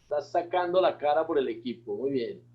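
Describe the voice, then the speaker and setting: A man's voice: fairly high pitch, lively intonation, brisk, dull audio. A man who is a pastor teaching an online Bible class, with a Colombian accent, praising students and chanting lists with them. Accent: Colombian Spanish. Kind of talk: online class, leading group recitation.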